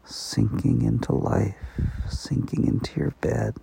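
A man softly guiding a sleep meditation, speaking slowly and slipping into whispers. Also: fairly low pitch, gravelly, breathy edge, low-quality recording. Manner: slow, soft-spoken, partly whispered. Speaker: meditation guide.

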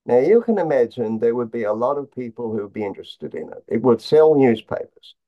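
A man explaining conspiracy theories as an interview guest, in a halting way, often repeating words and restarting his phrases. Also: medium pitch, big pitch swings. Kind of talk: conspiracy talk, explaining slides. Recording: dull, lo-fi sound.

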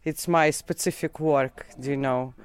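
Slow, clear-voiced man with a Latvian accent. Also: fairly high pitch, fairly even intonation. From Latvia, Riga. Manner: simple, halting non-native English. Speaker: garment worker in a tailoring workshop. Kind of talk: casual interview answers.

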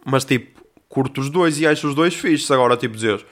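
A young man with a European Portuguese accent, rambling casually as a podcast host and acting out dialogue in quick quotes. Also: medium pitch. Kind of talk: casual monologue.

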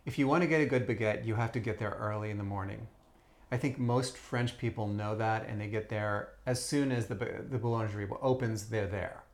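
A man hosting a podcast about bread, talking in a relaxed, chatty way with many fillers. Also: on the low side, fairly quick. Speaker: podcast host. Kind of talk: casual chat.

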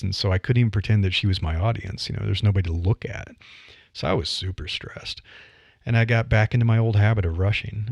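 A middle-aged podcaster and writer with a Midwestern American accent reflects on voice delivery in a fairly low, gravelly, darkish voice. He's conversational, laughs lightly, and says "you know" often, and the recording is dry.

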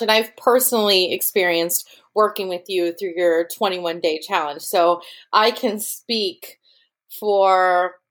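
A woman hosting a podcast who is also a chef, interviewing her guest with effusive, enthusiastic praise. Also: mid-range voice.

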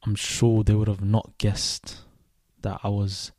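A man in his twenties, raised in Sweden, hosting a reflective solo podcast in a thoughtful, unhurried way with many restarts. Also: lowish voice, completely flat delivery, darkish tone, dry recording. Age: 20s. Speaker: podcast host.

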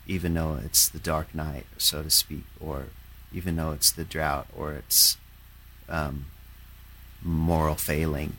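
Deep-voiced, bright-toned man musing aloud. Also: flat delivery, breathy edge. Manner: halting, reflective, many fillers and restarts. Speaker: painter. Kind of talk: casual conversation.

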